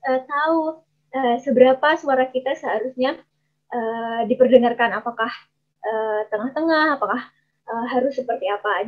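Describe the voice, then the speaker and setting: A woman with a high, light voice leads a storytelling workshop, explaining each technique patiently. She talks to her listeners as friends and often pauses on small hesitation sounds. The audio is slightly dull and lo-fi. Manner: explanatory, with frequent hesitation fillers. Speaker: storytelling trainer. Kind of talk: workshop presentation.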